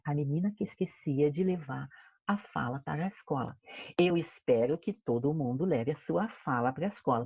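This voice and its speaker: A woman's voice: sits low, creaky, dark tone, slightly rough, no room sound, muffled recording. A woman teacher with a Brazilian Portuguese accent reads a children's story aloud to her class in an online lesson, playing with sound words. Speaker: primary school teacher.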